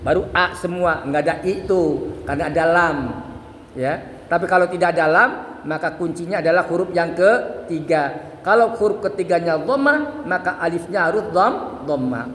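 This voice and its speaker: A man teaching Quran recitation, explaining the rules briskly and then chanting verses slowly and melodically to demonstrate. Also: on the high side, a bit bright. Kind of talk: religious lesson on Quran recitation. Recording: echoey hall with long reverb and faint ambience.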